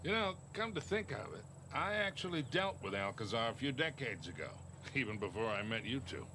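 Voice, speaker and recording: An actor playing a dry, gruff older male smuggler and mentor in video game dialogue. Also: mid-range voice, big pitch swings, brisk, close to an everyday voice. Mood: storytelling. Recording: game audio with ambient noise.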